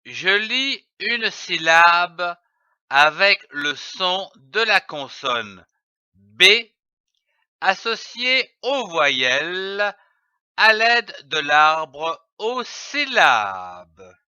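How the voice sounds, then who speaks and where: A man narrating a reading lesson, spelling out letters and syllables one by one with long, careful pauses. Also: sits high, big pitch swings, sharp tone, smooth, no room sound. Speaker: reading teacher. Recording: dull, lo-fi dry voice-over.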